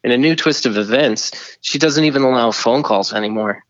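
A man's voice: mid-range voice, moderate pace, no echo, muffled recording. A man playing a flustered mission controller over the radio. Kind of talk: comedy skit acting.

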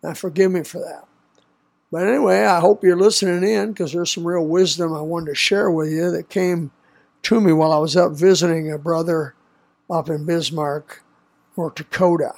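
A man's voice: on the high side, fairly even intonation, normal speed, no echo. An older American man with a stuffy nose from a cold and a slightly weak voice gives an informal, earnest devotional monologue as a podcast preacher. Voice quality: weak, creaky voice.

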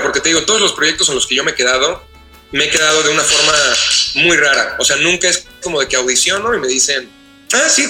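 A man with a Mexican accent, an actor talking as a guest in a casual interview, animated and full of slang. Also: on the high side. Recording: roomy echo.

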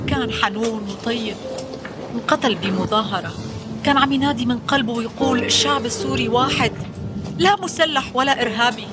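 A woman's voice: fairly high pitch, fairly quick, heavy background noise, close to an everyday voice. A woman playing a Syrian woman defending her slain brother, impassioned and shaky, with a Syrian Arabic accent.

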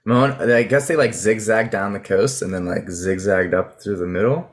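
A man's voice: lowish voice, normal speed. A man chatting casually as a podcast co-host, laughing and chiming in. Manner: laughs often, lively interjections. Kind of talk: casual chat among friends.

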